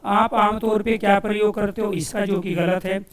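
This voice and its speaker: A male coaching teacher giving a Hindi grammar lesson for exam students, asking questions and answering them himself and repeating key phrases slowly as if dictating. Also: high-pitched, steady tone, echoey room, recorded from a distance. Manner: addresses listeners as dear friends.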